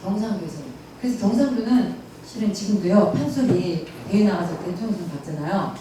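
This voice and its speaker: A woman's voice: medium pitch, brisk, warm tone, slight background noise. Chatty woman lecturing in an echoey hall. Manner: chatty, folksy, mimics dialect phrases. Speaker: pansori lecturer. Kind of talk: casual lecture with audience questions. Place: lecture room at a cultural center. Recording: echoey hall, distant mic.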